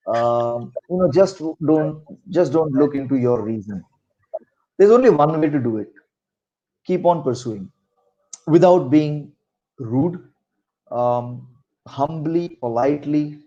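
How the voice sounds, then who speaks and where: A middle-aged man from Maharashtra, India, speaks in a mid-range, warm voice with a Marathi Indian accent, and the sound is lo-fi. He's an interview guest and senior corporate executive who gives career advice through anecdotes, talking emphatically and conversationally and repeating phrases for stress.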